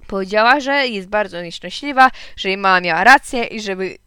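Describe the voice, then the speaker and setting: Expressive woman reading a children's story. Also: medium pitch, fairly quick, clean tone, no room sound, clean studio sound. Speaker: audiobook narrator.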